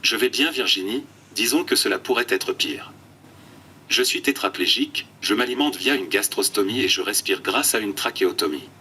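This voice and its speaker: A man's synthetic text-to-speech voice giving prepared interview answers in an even, robotic, scripted way. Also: on the low side, moderate pace, distant mic, slight background noise. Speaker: interview guest.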